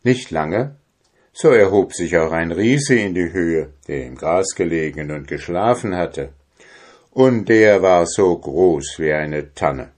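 A man reading a fairy tale aloud in a measured, calm storytelling manner. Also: low voice.

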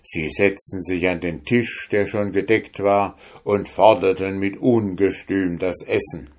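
A man reading a fairy tale aloud in a calm, measured storytelling voice. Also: low voice. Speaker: narrator.

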